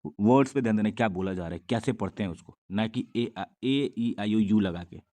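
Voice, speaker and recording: A man's voice: fairly low pitch, brisk, warm tone. A man teaching English grammar, patiently asking and answering his own questions as he explains. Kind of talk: grammar lesson in Hindi.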